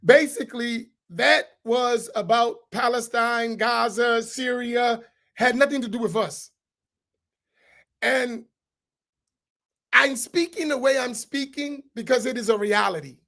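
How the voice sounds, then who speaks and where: Very high-pitched and creaky, with a fairly bright tone, this middle-aged man from the United States talks slowly. He is an imam on a roundtable panel, preaching emphatically and frequently posing rhetorical questions to check in with the audience.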